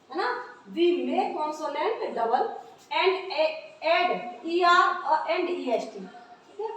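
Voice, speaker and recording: High-voiced woman teaching in an echoey room. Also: fairly bright tone, recorded from a distance, slight background noise. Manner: spells words letter by letter, asks and answers own questions. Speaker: English grammar teacher. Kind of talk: classroom lesson.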